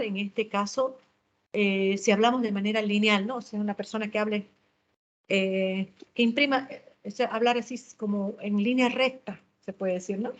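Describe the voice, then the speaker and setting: A woman's voice: medium pitch, highs cut off. Woman teacher explaining with tag questions. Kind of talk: lecture on public speaking.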